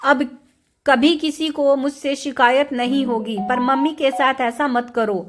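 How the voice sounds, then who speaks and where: A woman reading aloud does a remorseful young daughter begging forgiveness. The voice is high and earnest, read as a storybook figure. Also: fairly even intonation, measured pace, background noise. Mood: pleading. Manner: pleading.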